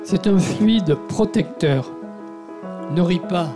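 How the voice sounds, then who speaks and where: Slow, intimate man reading aloud. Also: high-pitched. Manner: measured, intimate storytelling delivery. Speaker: guest reader. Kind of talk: reading a literary text aloud. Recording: piano playing behind the voice. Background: piano music.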